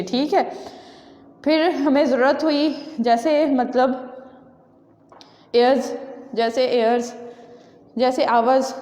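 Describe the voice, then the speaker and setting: A woman's voice: high voice, a little mellow, muffled recording. Woman teacher with a Pakistani accent, echoey classroom. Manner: explains step by step, keeps checking with "theek hai"; mixes in English school words. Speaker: school teacher. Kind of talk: classroom lesson. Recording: echoey classroom with long reverb.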